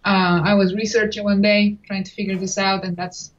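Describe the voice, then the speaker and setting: A woman's voice: medium pitch, little pitch movement, moderate pace, highs cut off. Chatty woman. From Chile. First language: Spanish. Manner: chatty, with frequent restarts and small laughs. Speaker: guest. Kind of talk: casual interview.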